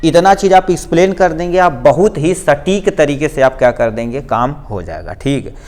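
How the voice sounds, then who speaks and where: A man's voice: on the high side, expressive, normal speed, a little mellow. A man teaching a school biology lesson, explaining step by step and often checking in with his students. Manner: explains step by step, repeating key points with frequent checks of "theek hai". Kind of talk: class 10 board exam biology lesson.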